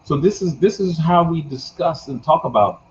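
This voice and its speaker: A man's voice: on the high side, lively intonation, moderate pace, a little mellow. A man in his sixties talking casually as a guest, folksy and storytelling, who laughs at his own jokes. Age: 60s. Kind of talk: casual conversation. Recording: muffled recording with faint background hum.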